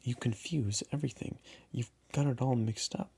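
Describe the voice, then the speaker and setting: A man's voice: on the low side, measured pace, creaky, a little mellow, husky, exaggerated voice. A man voicing a small, earnest and indignant boy prince in a storybook reading, with insistent questioning. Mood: bitter indignation.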